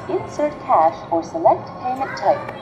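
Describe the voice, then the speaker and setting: A woman's voice: high-pitched, wildly swooping pitch, unhurried, highs cut off, over music. A woman's voice recorded as a polite automated self-checkout machine voice, giving clipped store checkout instructions.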